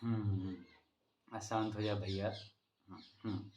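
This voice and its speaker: Unhurried Bihari man teacher, joking. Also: lowish voice, little pitch movement, darkish tone, a little hiss or hum. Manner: playful, breaks into laughter; speaks to students directly. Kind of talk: casual lesson with a joke.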